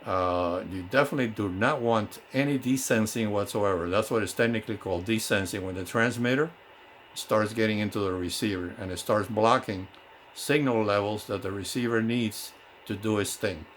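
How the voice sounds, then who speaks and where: Demonstrating repeater equipment at home in his indoor electronics workshop, a radio technician explains things in an informal, enthusiastic way. He is not a native English speaker, and his voice is fairly low, a bit bright, and moderately paced. Clear workshop ambience sits behind him.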